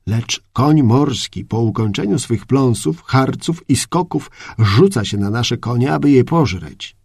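In this storybook tale an earnest royal horse groom explains things in a raised, carrying voice that sits a little higher than usual, as a male reader puts him on. The tone stays gravelly and husky, and it sounds close and dry. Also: lively intonation, measured pace, darkish tone, no room sound, exaggerated voice. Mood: explaining. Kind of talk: audiobook character reading.

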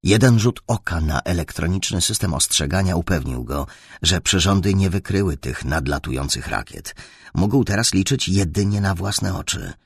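A man's voice: low voice, lively intonation, normal speed, vocal fry, husky, no echo, studio quality. A man narrating a war novel as an audiobook with dramatic, tense storytelling.

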